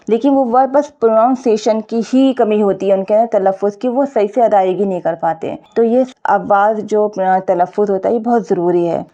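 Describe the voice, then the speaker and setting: Slow, patient woman teaching syllables. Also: medium pitch, warm tone, muffled recording. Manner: patient, repeats each syllable slowly and clearly; often checks in with "theek hai". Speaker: Urdu teacher. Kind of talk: beginner language lesson.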